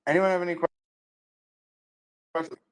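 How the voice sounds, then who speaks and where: A man's voice: high-pitched, little pitch movement, moderate pace, clear, resonant tone. A man teaching a casual screen-share tutorial in a loose, filler-heavy way, his audio cutting in and out over a bad connection. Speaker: workshop instructor. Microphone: open computer mic on a video call.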